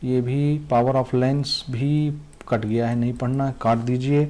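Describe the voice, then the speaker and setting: A man's voice: mid-range voice, steady tone, slow, mellow. A young man with a Chhattisgarhi Hindi accent teaching students, repeating instructions over and over and urging them to cross out topics. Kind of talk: classroom lesson addressed to students.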